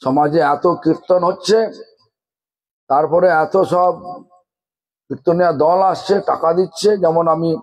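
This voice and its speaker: A man's voice: a little high, fairly even intonation, measured pace, pauses often, poor audio. A man with a Bengali accent giving a scolding sermon, asking the audience one rhetorical question after another. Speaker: guru giving a religious discourse.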